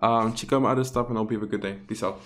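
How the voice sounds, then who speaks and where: A man's voice: on the low side, steady tone, very fast, over music. A man hosting his own vlog, giving casual, sarcastic opinion commentary straight to his viewers. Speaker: vlog host.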